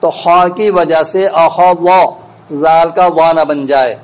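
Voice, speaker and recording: A male Quran reading teacher explains pronunciation to teachers and pupils, now and then shifting into slow, deliberate spelling drills that go letter by letter. His voice is fairly high, and the recording is rough.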